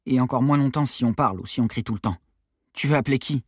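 A man voicing a weary, calculating teenage boy who speaks flatly and matter-of-factly. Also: medium pitch, fast talker, breathy edge, no echo, studio quality, pitched above the performer's own voice, close to an everyday voice. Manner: flat, tired and matter-of-fact.

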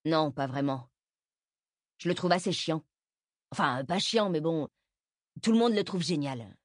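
A woman's voice: low voice, unhurried, no echo, studio quality. A woman voicing an awkward, reluctant teenage boy in an audiobook, hesitant and trailing off. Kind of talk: audiobook character voice.

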